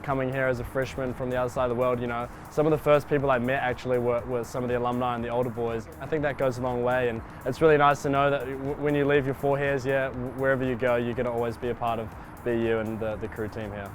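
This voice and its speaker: A man's voice: medium pitch, flat delivery, quick pace. A young man from the Netherlands, a college rower talking loosely in an interview. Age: young adult. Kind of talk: interview sound bite. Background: music.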